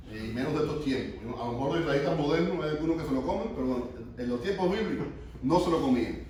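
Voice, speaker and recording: A man teaching a sermon to young people, stopping often to quiz them and starting his phrases over. His voice sits at a middle pitch and comes from some distance away, caught in a very echoey room with a faint hiss underneath. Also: darkish tone. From Cuba. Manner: asks the group questions, restarts often. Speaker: youth pastor. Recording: echoey room, mic from far off.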